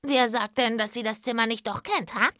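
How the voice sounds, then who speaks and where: A woman doing a shrill vain king. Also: fairly even intonation, fairly quick, fairly bright tone, no echo, clean studio sound, natural voice. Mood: huffy. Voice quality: shrill, squawking. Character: vain shrieking male king, easily enraged. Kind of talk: children's radio drama.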